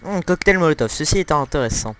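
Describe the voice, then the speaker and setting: A man's voice: on the high side, lively intonation, quick pace, fairly bright tone. A young man giving joking, crude let's-play commentary at home, with lots of fillers and laughter into a desktop mic. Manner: joking, giggly, crude humor, many fillers. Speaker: gameplay commentator.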